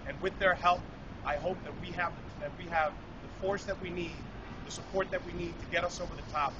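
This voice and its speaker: A man from Puerto Rico, a candidate, earnestly accepting endorsements in an outdoor press statement, repeating his phrases. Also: sits high. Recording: distant dull outdoor recording with loud traffic.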